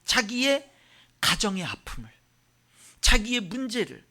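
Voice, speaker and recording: Expressive male pastor preaching. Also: high voice, a little slow. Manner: expressive, repetitive emphasis. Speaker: senior pastor. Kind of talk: sermon.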